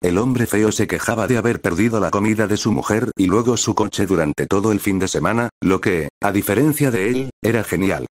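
Low-voiced man reading a fan story. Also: fairly quick, few pauses, dry recording. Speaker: fan fiction reader.

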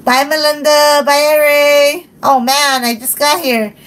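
A woman's voice: high-pitched, little pitch movement, slow pace, fairly bright tone, low-quality recording. A young woman hosting a livestream, chatting casually with viewers, giggling often and thanking them by name. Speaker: livestream host.

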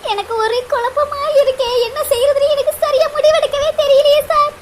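Squeaky, timid cartoon village girl. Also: steady tone, brisk, slight background noise. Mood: tearful. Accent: Kanyakumari Tamil. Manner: pleading, keeps saying sir. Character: young village woman in love, timid and anxious. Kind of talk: cartoon voice acting.

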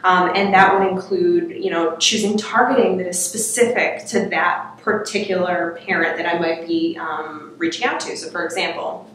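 A woman's voice: lowish voice, fairly even intonation, normal speed, a bit bright. A woman in her twenties answering interview questions hesitantly, with many ums and uhs. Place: office room with orange wall, indoors. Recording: very echoey room, distant mic, faint noise.

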